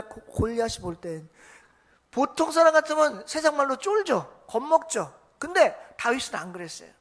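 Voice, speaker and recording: A woman pastor preaches a Sunday sermon in a church, her voice sitting a little high. She keeps asking the congregation questions and then answering them herself. She also acts out the voices of the figures in her story. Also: fairly bright tone. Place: church sanctuary.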